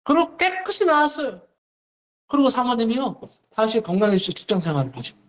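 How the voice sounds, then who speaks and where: A male pastor preaching a Wednesday service sermon, telling a story with lively acted-out dialogue. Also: very high voice, fairly quick. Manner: animated storytelling, acts out dialogue. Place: church sanctuary.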